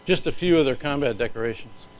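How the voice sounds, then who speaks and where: A middle-aged man, an Air Force leader, gives an earnest, emotional speech from slides with measured pauses. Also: medium pitch, a little hiss or hum, low-quality recording.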